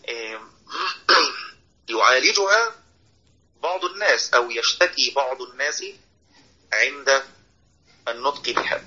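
A man's voice: a little high, bright, forceful tone, slightly rough, highs cut off. A man with an Egyptian Arabic accent teaching Quran recitation in an online class, explaining verses step by step and often checking that listeners follow.

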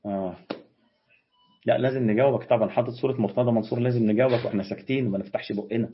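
A man with an Egyptian accent hosting a live stream, reading out viewer comments and answering them with quick, dismissive retorts. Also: mid-range voice, steady tone, slight background noise. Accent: Egyptian Arabic. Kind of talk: casual live Q&A on religion and history. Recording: dull lo-fi stream audio.

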